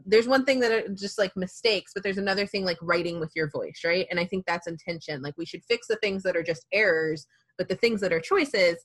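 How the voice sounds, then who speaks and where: A woman's voice: on the low side, a little fast, fairly bright tone, no room sound. A woman hosting a podcast, chatty and sprinkling "like" through her talk. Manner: chatty, many "like"s, laughing easily. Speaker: podcast host. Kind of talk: podcast conversation.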